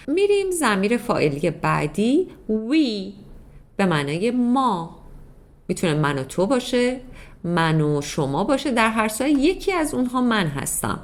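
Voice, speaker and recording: A woman teaching a beginner English grammar lesson in Persian, patiently explaining step by step and repeating examples. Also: medium pitch. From Iran.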